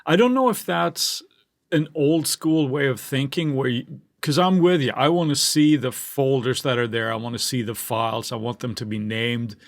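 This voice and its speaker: A man co-hosting a podcast about mixing, easygoing and quick to laugh as he asks his co-host questions. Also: medium pitch, no echo, studio quality. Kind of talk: casual chat. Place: studio.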